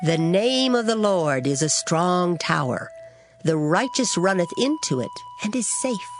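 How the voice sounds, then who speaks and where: A woman reading scripture aloud in a measured, solemn recitation. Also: lowish voice, big pitch swings. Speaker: scripture reader. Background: background music.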